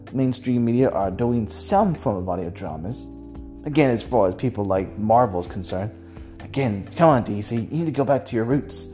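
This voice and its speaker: Speaking solo, a host offers casual, rambling commentary in a mellow, relaxed voice of middling pitch. He hesitates and loops back over phrases, with faint music in the background.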